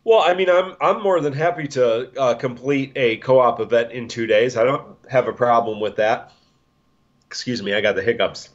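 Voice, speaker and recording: A man's voice: mid-range voice, moderate pace, hardly any pauses, lo-fi sound. A man co-hosting a casual gaming podcast, rambling and restarting his sentences. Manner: rambling, restarts often, chuckles. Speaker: podcast co-host.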